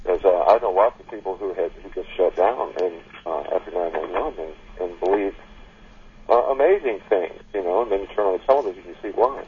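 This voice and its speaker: Husky man on a phone line. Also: low voice. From United States. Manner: halting, many restarts and fillers. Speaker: panel caller. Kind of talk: casual call-in discussion.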